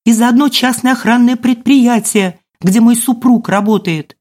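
A woman's voice: on the high side, unhurried, a little mellow, pitched above the performer's own voice. A woman reader voicing a hysterical middle-aged female neighbor in an audiobook, shrieking in outrage. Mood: outraged shrieking. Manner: screeching, outraged.

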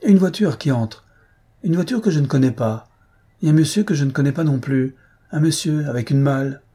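A man voicing a lively, candid young wife in a read-aloud novel, raising his voice for her. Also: medium pitch, moderate pace, breathy edge, lightly acted. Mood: earnest.

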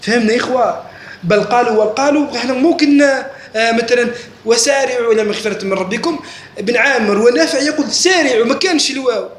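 A religious teacher with an extremely high-pitched voice speaks fast while giving a lesson to his class. He frequently asks questions to check the students' understanding. The room sounds echoey, with faint noise.

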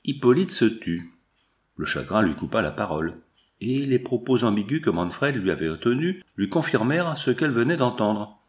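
A man narrating a classic novel as an audiobook in a measured, even manner. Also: on the low side.

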